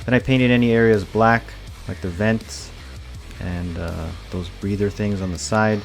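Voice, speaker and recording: A man in his thirties, a cosplay prop maker, talks through his build steps in a relaxed, plain way in a casual tutorial voice-over. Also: lowish voice, a little slow, gravelly, over music. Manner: relaxed, plain step-by-step explaining. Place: home workshop, indoors.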